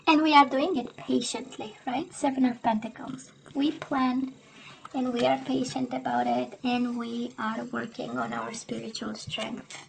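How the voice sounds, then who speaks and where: A woman doing a casual tarot love reading, hoarse as she loses her voice, often clearing her throat and tagging her sentences with "right?". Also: a little high, fairly even intonation, a little slow, poor audio. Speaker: tarot reader.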